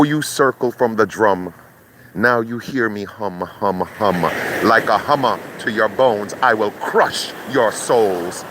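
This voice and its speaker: A man delivering a threatening curse monologue, speaking slowly and breaking into chanted incantations. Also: medium pitch, a bit bright, slight background noise, poor audio. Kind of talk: menacing spoken curse monologue.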